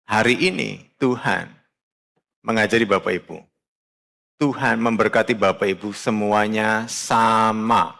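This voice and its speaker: A male pastor preaching a sermon to his congregation in a church, talking to them directly in a colloquial way and swinging from low earnest tones to loud raised exhortation. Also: gravelly.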